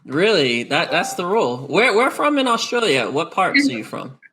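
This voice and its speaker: A man co-hosting a podcast, eager and quick to laugh, with faint background noise. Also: high-pitched, sing-song, sharp tone. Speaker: podcast co-host. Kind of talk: casual interview chat.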